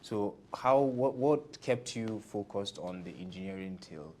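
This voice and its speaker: A man's voice: measured pace, dark tone. A man hosting a casual interview as the interviewer, often chiming in with short affirmations. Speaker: interviewer and host. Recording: rumbly background noise.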